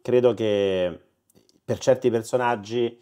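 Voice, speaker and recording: A man hosting a casual chat, talking in a halting way with many restarts. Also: medium pitch, steady tone, warm tone, clear, resonant tone. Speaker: host.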